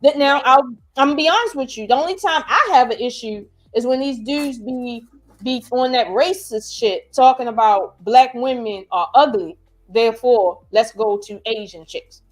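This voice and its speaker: A woman hosting a casual reaction chat, talking in a blunt, profane and animated way. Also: a little high, moderate pace. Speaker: host.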